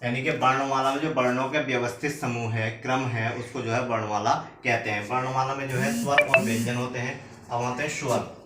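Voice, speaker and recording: A man teaching a grammar lesson, slowly repeating each term word by word as if for students to copy down. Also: mid-range voice, little pitch movement. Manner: slow, repeats words one at a time for dictation. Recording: echoey room, mic at a distance, faint noise.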